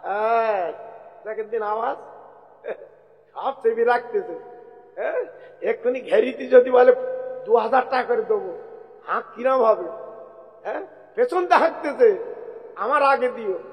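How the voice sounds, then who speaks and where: A male preacher with a West Bengal Bengali accent gives a sermon to a big open-air gathering, his voice hoarse and pitched very high. He speaks straight to the crowd and keeps calling on them for takbir. The sound has a long, echoing reverb from the loudspeakers. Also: expressive, moderate pace, pauses often, muffled recording. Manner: addresses crowd directly, calls for takbir chants. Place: large outdoor religious gathering.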